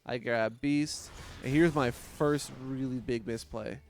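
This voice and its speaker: A man's voice: medium pitch, fairly even intonation, slow pace. A man talks through his card game replays in a casual, profane way. He mocks his opponents and often laughs to himself. Faint music plays underneath. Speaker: gaming commentator. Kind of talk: casual gameplay commentary.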